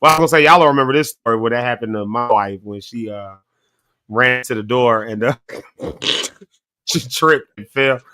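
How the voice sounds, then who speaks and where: A man's voice: mid-range voice, normal speed, pauses often, smooth, no room sound. A man hosting a morning talk show, telling home stories in casual banter and acting out the quotes. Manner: animated storyteller, acts out quotes.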